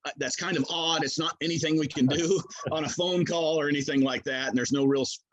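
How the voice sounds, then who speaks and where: A man's voice: a little high, fairly even intonation, brisk, poor audio. A man explains his products in a casual interview, talking in a folksy, hesitant way as he works through the details. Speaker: game call maker, product expert.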